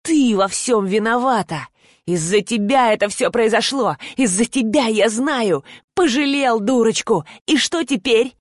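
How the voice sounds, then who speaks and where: Furious young girl, hissing and shrieking blame, put on by a woman narrator, voice jumps high, dry studio. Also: animated, unhurried, dry recording. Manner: shrieking accusations, hissing, sobbing. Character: furious hysterical young woman student, hateful.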